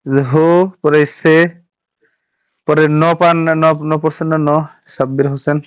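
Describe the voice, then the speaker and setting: A man teaching a Japanese script class online, halting and repeating syllables as he writes and quizzes his students. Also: fairly high pitch, level tone, dry recording, muffled recording. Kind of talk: informal online class instruction. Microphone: online class audio.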